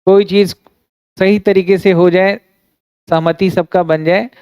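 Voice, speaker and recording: A man from India teaching English phrasal verbs in a classroom lesson, dictating example sentences slowly and deliberately, with an Indian English accent. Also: sits high, steady tone, a little mellow, smooth, no echo, highs cut off. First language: Hindi.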